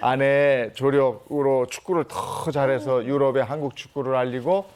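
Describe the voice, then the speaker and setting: A man on a morning TV talk show who gives short reactions and relaxed remarks. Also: medium pitch, normal speed, clear, resonant tone. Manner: frequent short backchannel reactions, relaxed commentary. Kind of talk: casual studio chat.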